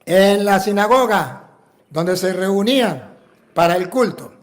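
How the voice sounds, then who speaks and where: Emphatic high-voiced Venezuelan priest preaching. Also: male voice, animated, slow pace. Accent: Venezuelan Spanish. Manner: emphatic preacher, rhetorical questions and repetition. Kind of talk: sermon.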